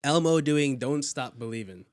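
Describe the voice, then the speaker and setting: A man's voice: medium pitch, lively intonation, clean tone, dry recording, clean studio sound. A man hosting a podcast, upbeat and encouraging toward his guest. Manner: upbeat, encouraging, quick to laugh along. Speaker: podcast host. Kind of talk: casual chat.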